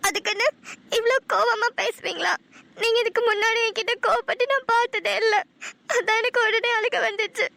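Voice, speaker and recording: A woman's voice: very high-pitched, fast talker, pushed and bright, no room sound. A woman voicing a proud, touchy young wife in a cartoon, pouting and answering back through tears. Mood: tearful. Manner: pouting, tearful retorts. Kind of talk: Tamil cartoon dialogue.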